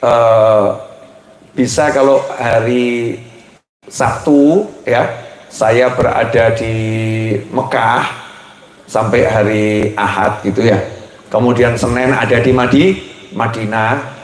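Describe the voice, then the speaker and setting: A man giving a relaxed, joking sermon, chatty and playful, slipping in phrases. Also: mid-range voice, slow pace, pauses often, reverberant, rough recording. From Indonesia. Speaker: preacher.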